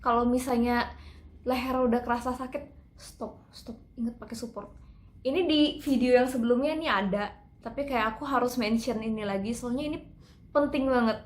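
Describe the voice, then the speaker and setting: A woman's voice: fairly high pitch, normal speed, reverberant. A woman teaching singing in a casual, chatty way, breaking into operatic phrases to demonstrate.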